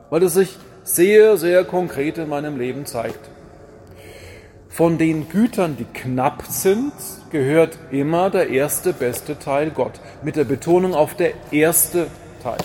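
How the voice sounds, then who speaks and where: A man delivering a sermon in a fairly high, animated voice. He drives his points home with repeated refrains and dry, wry asides, over a faint background hum. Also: unhurried. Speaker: preacher.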